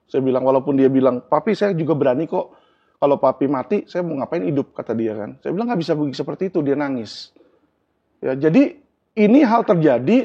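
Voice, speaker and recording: A man speaks earnestly as an interview guest, with a husky, breathy edge to a slightly high voice. He explains his points with everyday examples. The recording sounds dull and lo-fi. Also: warm tone. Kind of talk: candid interview talk.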